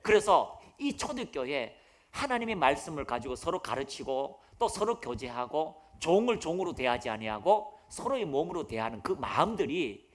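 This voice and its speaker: A man preaching a sermon as pastor. He talks emphatically, puts questions to the congregation, calls out hallelujahs and drops in humorous asides. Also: medium pitch.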